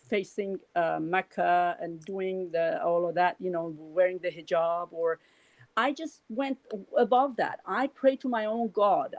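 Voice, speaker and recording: Speaking with a Persian accent, this middle-aged woman from Iran, a native Farsi speaker, reflects casually and earnestly on her views, restarting often and saying "you know" a lot. Here her voice is medium-pitched and darkish, with no echo but rough audio quality.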